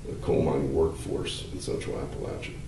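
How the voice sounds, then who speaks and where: An older male law professor, seated in a wood-paneled interview room, gives explanatory answers in a measured, halting way full of fillers and restarts, gesturing with his hands as he talks. His voice is extremely low, mellow, dark, and flat, captured by a slightly distant mic with faint hiss and reverberation.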